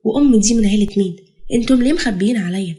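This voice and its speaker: A woman's voice: mid-range voice, racing, warm tone, close to an everyday voice. A woman voicing an angry young man who defies his family, in an Egyptian accent, with a heated, questioning manner. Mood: furious.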